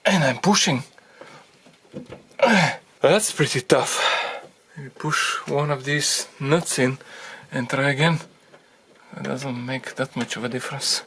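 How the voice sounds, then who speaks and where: A man explaining a car repair as he works on it, thinking aloud in halting phrases and getting out of breath from the effort. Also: medium pitch, a bit bright, a little hiss or hum. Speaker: DIY car repair presenter. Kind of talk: hands-on repair tutorial.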